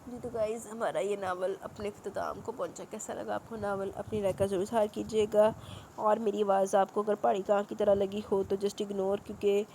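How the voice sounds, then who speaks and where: A hoarse woman with a Punjabi accent who narrates an audio novel and then reads listener comments in a chatty way, mixing in English. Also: medium pitch, level tone, normal speed, dark tone, slight background noise, rough recording.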